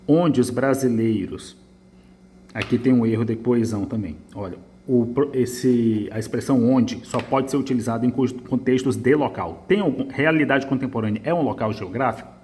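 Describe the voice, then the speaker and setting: Lively Brazilian teacher correcting an essay. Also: male voice, medium pitch, normal speed, slight background noise. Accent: Brazilian Portuguese. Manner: lively, emphatic, repeats phrases while writing. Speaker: writing teacher.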